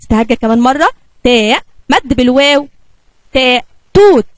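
A woman with an Egyptian Arabic accent teaching a kindergarten spelling lesson, slowly drawing out letter sounds for young children. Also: high voice, animated, no echo.

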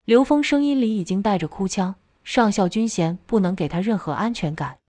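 A woman's voice: mid-range voice, lively intonation, fairly quick, mellow, no echo. A woman reading a novel aloud as an audiobook narrator, giving the characters small shifts of voice.

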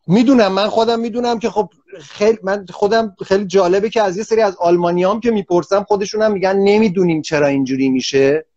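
A man's voice: high voice, darkish tone, no echo. A man hosting an interview who asks long, rambling questions in a casual way. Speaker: interview host. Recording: dull lo-fi dry sound.

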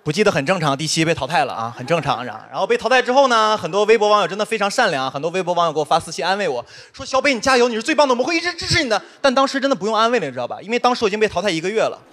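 A young man performing a stand-up comedy set on stage, telling quick self-mocking stories with constant asides to the audience. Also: sits high, very animated, a bit bright. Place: studio stage before a live audience. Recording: live stage mic with audience laughter. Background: audience laughter.

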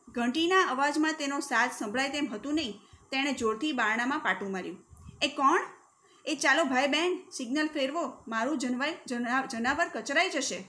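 A woman teacher reading a story aloud for a class and then explaining it, acting out the characters' shouts with feeling. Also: sits high.

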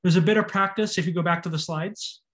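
A man's voice: high-pitched, steady tone, fast talker, a bit bright. Man teaching anatomy over slides. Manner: spells out and repeats terms, stresses pronunciation. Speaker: anatomy lecturer. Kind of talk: recorded lecture over slides.

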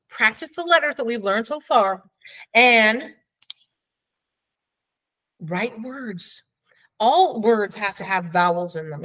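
A woman teaching a preschool phonics lesson, sounding out letters and words slowly and praising the child. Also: on the high side, a bit bright. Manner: slow, encouraging, sounds out letters.

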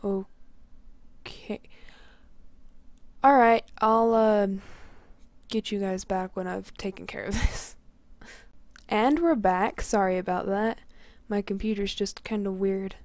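Young woman gaming, hoarse from a cold, super slow and rambly, half whispers a lot. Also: medium pitch, a little mellow, dry recording. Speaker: gaming channel host. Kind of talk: casual gameplay commentary.

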